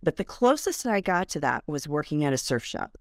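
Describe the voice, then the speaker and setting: Low-voiced mature woman hosting a podcast. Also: big pitch swings, brisk, no room sound, studio quality. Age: middle-aged or older. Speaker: podcast host and benefits compliance professional. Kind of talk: conversational scripted podcast introduction.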